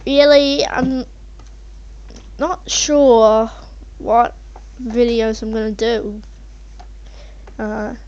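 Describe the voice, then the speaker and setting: A woman with a fairly high voice rambles casually over a video game at a very unhurried pace. She is hesitant and meandering, thinking out loud as she goes. The recording is slightly muffled, with some faint noise behind her. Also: level tone. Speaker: video channel host. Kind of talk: casual rambling gameplay commentary. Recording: muffled mic with faint background noise, keyboard typing.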